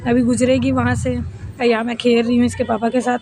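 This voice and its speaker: A woman's voice: fairly high pitch, flat delivery, a little fast, crowd noise. A woman in her thirties narrating a casual home vlog, chatting with viewers as friends while she cooks and her family plays. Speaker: family vlogger.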